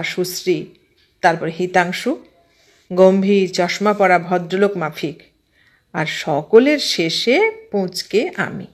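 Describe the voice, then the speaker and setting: A woman narrating a literary short story as an audiobook, reading slowly and evenly and giving each character's lines their own voice. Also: fairly low pitch.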